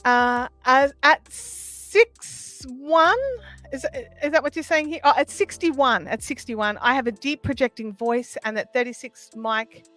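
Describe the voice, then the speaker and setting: Answering viewers on her relaxed livestream, this Australian host explains things conversationally from a small, sound-treated home room. She sits high in pitch with a fairly bright tone and an unhurried pace; there's no echo, just faint music in the background.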